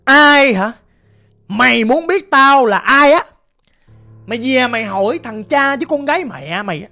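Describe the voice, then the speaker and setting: A man's voice: very high voice, normal speed, creaky, sharp tone, soft background music, pitched above the performer's own voice, exaggerated voice. A man voicing a vicious male spirit possessing an old grandmother, snarling and cursing threats in a storytelling recording. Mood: menacing.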